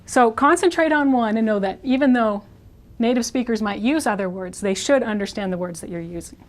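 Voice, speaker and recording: Woman teaching Spanish slowly and clearly. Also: fairly high pitch. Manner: slow, clear modeling of words, repeating each twice. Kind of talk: video language lesson.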